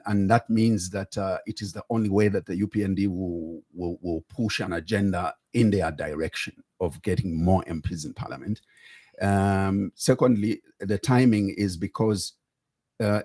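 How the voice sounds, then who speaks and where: A man with a Zambian accent hosting a current affairs interview, probing in halting, repetitive phrases. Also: low voice, a little mellow, slightly rough, dry recording, studio quality. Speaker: interview host.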